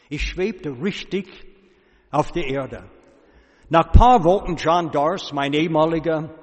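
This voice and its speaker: A man telling his life story as a personal testimony, dropping his voice low at serious moments. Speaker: speaker giving a personal testimony. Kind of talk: slow personal testimony before an audience. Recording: reverberant hall.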